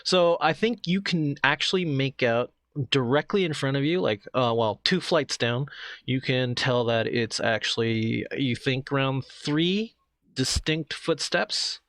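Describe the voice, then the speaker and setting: Relaxed man running a tabletop game. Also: mid-range voice, measured pace, no echo. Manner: hesitant, loose and conversational, many restarts. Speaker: game master.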